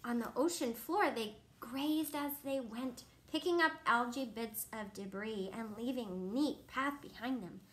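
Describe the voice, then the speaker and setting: A young woman reading a picture book aloud to a child, animated and pausing to ask questions. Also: a little high. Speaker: reader to a child.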